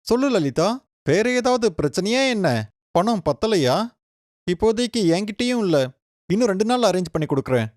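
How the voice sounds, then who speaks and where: A woman voicing a kind, protective young man in a cartoon story, with a lowered, earnest voice. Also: lively intonation, normal speed, darkish tone, dry recording, clean studio sound, close to an everyday voice. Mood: caring.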